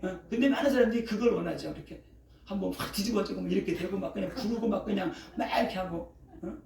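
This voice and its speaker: An older pastor, in their sixties, preaches in a chatty, repetitive way, leaning on punchy sound words and checking in with the room again and again. The voice sits at a middling pitch. It reaches the mic from a distance, with the church's echo around it. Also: fast, vocal fry, a little mellow. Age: 60s. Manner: keeps checking in with the congregation, asking "eh?" after each phrase. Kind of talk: sermon. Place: church sanctuary. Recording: roomy echo, voice picked up from a distance.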